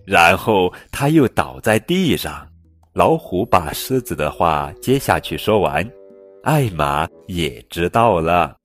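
Guy reading a kids picture book, deep slow voice that swoops around a lot, soft music behind. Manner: slow, lively storytelling. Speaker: storyteller. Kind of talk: picture-book read-aloud. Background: light background music.

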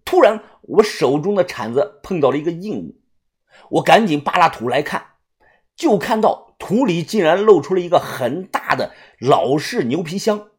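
A woman reading a novel aloud as an audiobook narrator, telling the story in an expressive way. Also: lowish voice, moderate pace, breathy edge.

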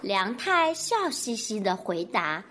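Lively, unhurried woman storyteller. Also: mid-range voice. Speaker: story narrator. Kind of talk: picture-book storytelling for children.

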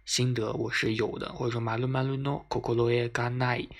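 A man hosting a language lesson podcast, explaining words patiently and repeating them slowly for learners. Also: medium pitch, little pitch movement, gravelly. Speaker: Japanese language teacher, podcast host. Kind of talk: casual spoken lesson.

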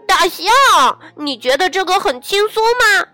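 A woman voicing a lively, restless young monkey who talks loudly and eagerly in a children's story. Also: high-pitched, no room sound, faint music behind, heavily acted. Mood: angry. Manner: loud, eager, quick to anger.

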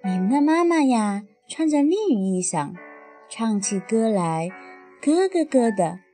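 A woman's voice: a little high, big pitch swings, unhurried, dark tone, soft background music. A woman voicing a friendly, chatty mother goose in a bedtime storybook. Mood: cheerful.

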